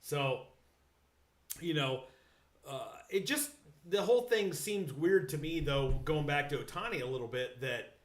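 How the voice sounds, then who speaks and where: A man's voice: fairly high pitch, expressive, a little slow. A man co-hosting a casual sports talk show, rambling, swearing and laughing often. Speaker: podcast co-host. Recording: echoey room.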